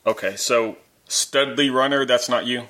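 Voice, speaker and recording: A podcast host interviews a friend in a relaxed, friendly chat. His mid-range voice is unhurried yet pushed and bright, keeping the casual interview easygoing.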